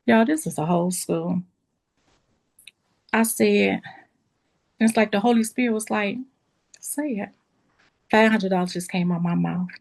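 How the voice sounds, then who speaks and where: A woman's voice: medium pitch, creaky. Emotional woman telling her story. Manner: animated storytelling, addresses listeners as y'all. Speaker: beauty school owner.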